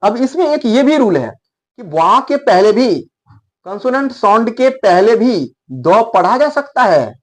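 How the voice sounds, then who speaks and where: A man with a Hindi accent teaching English pronunciation, repeating words slowly for his students. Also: high-pitched, sing-song. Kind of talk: explaining lesson.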